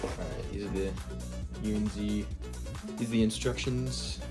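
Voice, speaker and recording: A young man talking through a casual unboxing vlog, excitable and rambling with many fillers. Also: on the low side, measured pace, over music. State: swollen lip. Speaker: vlogger.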